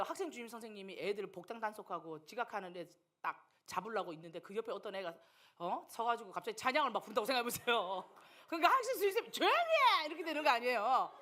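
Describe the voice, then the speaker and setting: A woman missionary with a medium-pitched voice preaches to young people, animated and teasing, acting out the voices of the people she quotes.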